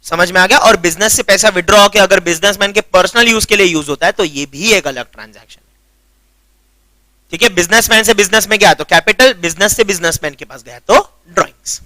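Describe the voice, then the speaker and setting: A young Gujarati commerce tutor from Gujarat, India, chats through a lecture in Gujarati-accented Hindi, slipping in English terms and regularly checking that students get it. His voice is high-pitched and sharp, fairly quick, with no echo.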